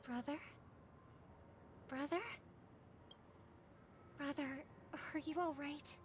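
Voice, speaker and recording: An actress playing a gentle, gracious young woman in a video game, speaking politely and earnestly. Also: high voice, steady tone, extremely slow, noisy background. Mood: worried.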